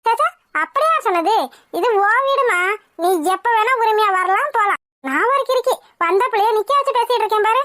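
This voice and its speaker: Cartoon mom, middle-aged and fussy, teases then frets, voiced by a woman; very high, dry. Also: lively intonation, brisk, sharp tone, no echo, full character voice. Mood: teasing. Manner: chatty, teasing, fretful. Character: fussy middle-aged village mother, teasing and worried. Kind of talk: cartoon voice acting.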